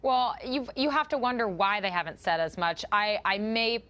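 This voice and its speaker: A woman guest on a news panel who gives her opinion in a steady, argumentative flow. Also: mid-range voice, moderate pace.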